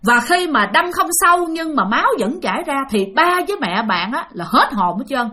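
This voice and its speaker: A woman tells a spooky story in a loose, chatty way, turning often to her listeners. Her voice sits a bit high, talkative and easygoing. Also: very animated, moderate pace, bright, forceful tone. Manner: chatty, addresses listeners directly. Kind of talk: spoken ghost storytelling.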